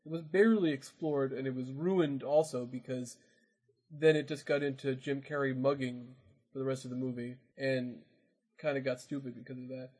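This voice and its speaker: A man's voice: medium pitch, steady tone, moderate pace, darkish tone, slightly rough, rough recording. A man in casual, rambling, opinionated chat as a podcast co-host. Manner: rambling, opinionated, many restarts.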